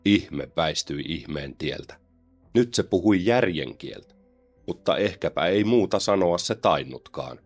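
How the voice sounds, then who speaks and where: A man giving a slow, solemn, dramatic recitation of a poem. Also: low voice, expressive, soft background music. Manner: slow, solemn, measured delivery. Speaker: poetry reader.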